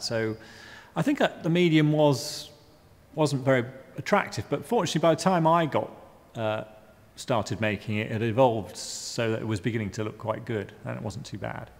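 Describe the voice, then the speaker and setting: A man in his fifties from Guyana, an artist giving hesitant, wry interview answers with many ums and restarts. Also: medium pitch. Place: art gallery exhibition space. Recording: reverberant room.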